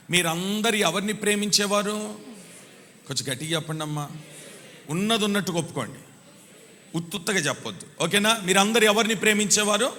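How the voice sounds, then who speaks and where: A man preaching a live sermon in a church, calling on the congregation to answer louder and repeating verse references. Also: sits high, slight background noise. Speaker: pastor. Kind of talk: live Sunday sermon with call-and-response. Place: church hall. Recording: long church hall reverb.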